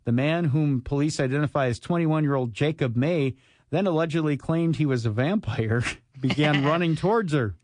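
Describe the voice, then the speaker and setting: A man's voice: fairly high pitch, moderate pace, darkish tone, no room sound. A man hosting a radio show, reading strange crime stories aloud and cracking jokes between them, often laughing. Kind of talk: joking banter reading news stories.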